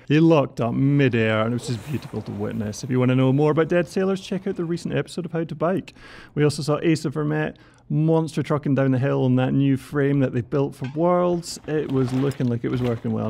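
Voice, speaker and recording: Male race presenter, warm and gravelly, breezy voice-over commentary. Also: medium pitch, slight background noise. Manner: upbeat, chatty, laughs between remarks. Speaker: mountain bike race presenter. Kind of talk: voice-over course preview commentary.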